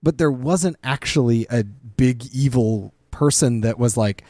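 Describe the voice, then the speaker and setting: A man co-hosting a casual movie podcast, animated and quick to laugh, often trailing off and restarting. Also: mid-range voice, no echo, clean studio sound. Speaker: podcast co-host.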